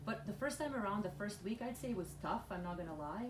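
A Bosnian woman in her thirties, a weight-loss client, is a guest chatting candidly on a radio show in a studio, using many fillers and restarts. Her mid-range voice is expressive and fairly quick. A boom mic is seen from afar, and the audio is noisy and echoey, picked up by a distant camera mic.

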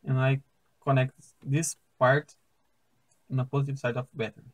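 At an indoor wooden table, a young Brazilian man, native in Portuguese, walks through a simple circuit step by step for his science fair project, speaking careful, halting English. His mid-range voice stays level, and the low-quality recording has a little hiss or hum.

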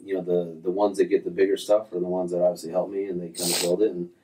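This guest is a golf instructor in his thirties with a low voice who talks quickly. He's relaxed in a casual interview chat, rambling with lots of fillers and restarts. He's recorded from a distance in a small office with framed diplomas, and the background is noisy.

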